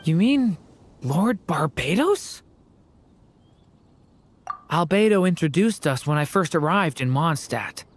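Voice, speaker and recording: A woman voicing a polite, youthful boy dragon from a fairy tale in a video game, gentle and earnest. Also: sits low, expressive, takes it slowly, long pauses, a little hiss or hum.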